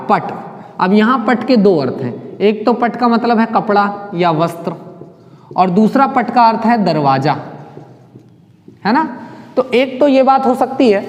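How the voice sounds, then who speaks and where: A man's voice: high-pitched, a little mellow. A male teacher giving an exam-prep grammar lesson. He keeps asking the class rhetorical questions and checking with "right?". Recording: long echoing reverb.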